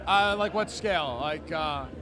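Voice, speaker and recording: An enthusiastic man with a high voice talks casually in an interview as a wrestling announcer. He is recorded among outdoor urban noise, with a busy crowd behind him. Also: measured pace.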